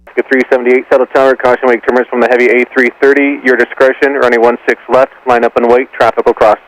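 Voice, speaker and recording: Male tower controller, brisk clipped instructions, mid-pitched, over a faintly noisy radio. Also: flat delivery. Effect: aircraft radio. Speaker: air traffic tower controller.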